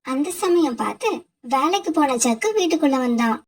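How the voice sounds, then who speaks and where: A woman narrating a children's cartoon story in a steady, explanatory way. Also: high-pitched, normal speed.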